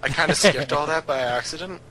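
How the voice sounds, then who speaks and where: Young man, excitable, stumbling restarts, bright voice, voice call. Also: on the high side, fairly quick. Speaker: podcast guest. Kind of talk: casual chat over a voice call. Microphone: video call.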